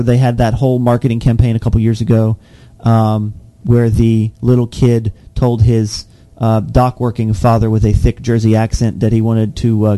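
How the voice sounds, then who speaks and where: Young male co-host, jokey casual news reader, warm dark tone. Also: mid-range voice, no room sound. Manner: joking, laughs often, reads headlines aloud. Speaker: podcast co-host reading tech news.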